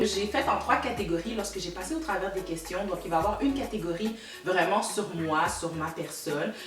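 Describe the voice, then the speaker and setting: A woman's voice: mid-range voice, fairly bright tone, reverberant, distant mic. A woman in her thirties from Canada with a Québécois accent, chatting casually to her viewers and repeating words for emphasis. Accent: Québécois French. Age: 30s. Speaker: vlogger. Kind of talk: casual chat to camera.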